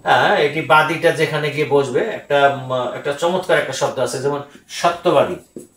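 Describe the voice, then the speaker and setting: A man with a Bangladeshi Bengali accent teaching a grammar lesson, speaking slowly and deliberately, repeating each word and often pausing on "ah". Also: a little high, fairly even intonation, fairly bright tone, roomy sound, a little hiss or hum, low-quality recording.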